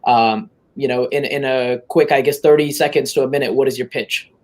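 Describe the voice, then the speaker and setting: A man hosting a podcast interview, speaking casually and haltingly as he sets up questions. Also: medium pitch, fairly even intonation, darkish tone. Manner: casual, halting with fillers and restarts. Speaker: podcast host.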